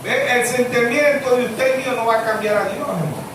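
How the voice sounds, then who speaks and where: A male pastor with a Zulian Venezuelan accent, preaching a sermon in which he swings from high shouted questions to low muttered asides. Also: fairly quick, background noise. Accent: Zulian Venezuelan Spanish. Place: church hall. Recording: echoey church hall, mic far off.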